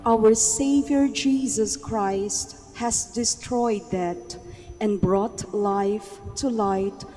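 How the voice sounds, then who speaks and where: A woman reading scripture and psalm verses slowly and carefully at Mass, heard with a long cathedral echo. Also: mid-range voice. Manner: slow, careful reading pace. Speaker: lector. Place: large church. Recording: long church reverb with faint music.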